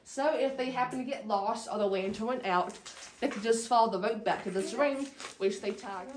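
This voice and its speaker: A woman's voice: a little high, normal speed. Woman tour guide in an echoing cave. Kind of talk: informal guided tour commentary. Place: inside a cave. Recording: echoing cave, distant mic, background noise.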